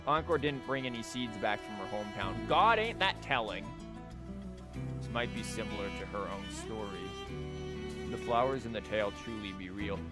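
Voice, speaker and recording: In an expressive voice on the low side, a game streamer talks at a moderate pace during his livestream. He jokes, rambles, and reads dialogue aloud in casual chat, with game music running behind him.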